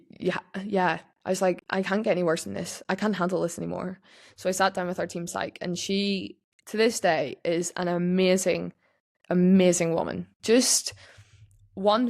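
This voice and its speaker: A young woman talking frankly and casually on a podcast, with lots of restarts and "like" fillers. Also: lowish voice. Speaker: podcast host. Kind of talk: candid personal podcast talk.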